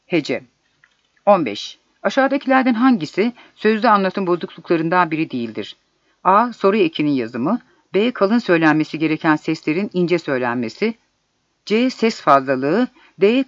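With a high, sing-song voice, this male exam prep narrator works through questions and their answers at a measured, careful pace. The sound is dull and lo-fi, recorded totally dry with no room sound.

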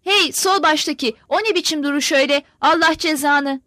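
A woman voicing a male drill sergeant who yells short commands on the parade ground. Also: very high voice, unhurried, no room sound, studio quality, pitched above the performer's own voice, heavily acted. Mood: yelling. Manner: clipped, yelled commands.

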